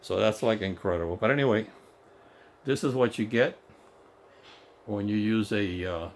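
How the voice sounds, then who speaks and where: A man's voice: on the low side, moderate pace. A man who is not a native English speaker gives an informal, enthusiastic, explanatory hands-on technical walkthrough as a radio technician. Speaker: radio technician demonstrating repeater equipment. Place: indoor home electronics workshop. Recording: clear background noise, workshop ambience.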